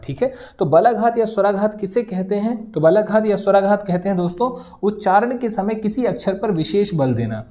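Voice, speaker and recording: A woman with a warm, mellow voice gives an exam-prep grammar lesson. She explains each point steadily and repeats the key terms so students can write them down. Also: mid-range voice. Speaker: teacher. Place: video lesson recording.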